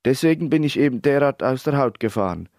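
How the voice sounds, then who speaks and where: Brash, hot-tempered young keeper, read by a man, raised pitch, dry booth sound. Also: big pitch swings, fairly quick, dry recording. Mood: sheepish. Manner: shouting, brash. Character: young male footballer, hot-tempered goalkeeper.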